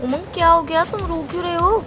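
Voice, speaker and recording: Very high-voiced woman calming someone down. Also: brisk. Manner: soothing, bewildered. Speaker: girlfriend on the call. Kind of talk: phone-call conversation. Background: background music.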